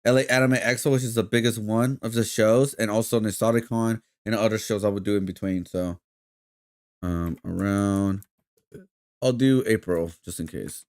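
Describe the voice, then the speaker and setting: A man's voice: lowish voice, fairly even intonation, moderate pace, a little mellow. Rambling male streamer chatting to his viewers. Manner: rambling, many fillers, keeps addressing chat as guys. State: hiccups. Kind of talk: casual live-stream chat.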